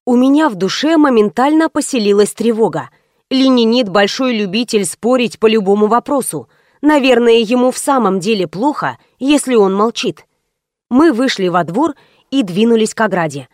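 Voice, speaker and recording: A woman reading a first-person audiobook with lively, ironic storytelling. Her voice sits fairly high, and the recording is dry and close, with no room echo. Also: moderate pace. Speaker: audiobook narrator.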